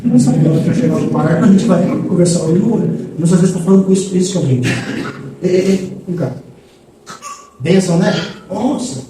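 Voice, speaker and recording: A man preaches with lively energy, slipping into voices of God and the faithful as he makes his points. His voice sits high for a man. The sound is roomy and distant, with steady noise under it. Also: a little fast. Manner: animated, acting out dialogues with God and churchgoers. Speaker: pastor. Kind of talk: sermon. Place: church. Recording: echoey church hall from far off with background noise.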